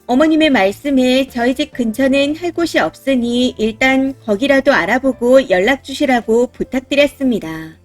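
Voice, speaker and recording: A woman giving steady, first-person scripted narration of a reader's story. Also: high voice, moderate pace, hardly any pauses, soft background music.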